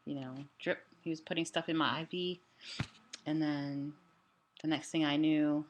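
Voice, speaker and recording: A woman with a notably low voice talks casually and haltingly, as if to a camera for a personal update. Her throat is sore and swollen after surgery, which limits her vocal range. There is clear background noise in the recording. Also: fairly even intonation, muffled recording. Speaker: vlogger sharing a health update. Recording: clearly noisy room ambience.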